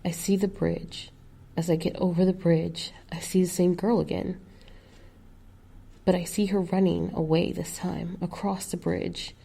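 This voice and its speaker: A woman tells a first-person horror story in a slow, gravelly voice that often drops into a whisper. Her tone is dark and low. She lets every sentence hang. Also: flat delivery.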